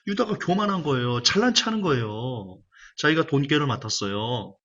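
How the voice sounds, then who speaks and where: A male pastor delivers an emphatic sermon in a husky, slightly breathy voice, hammering home key lines through repetition. The recording is dull and lo-fi. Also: medium pitch, animated, normal speed, fairly bright tone. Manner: emphatic preaching, repeats key phrases.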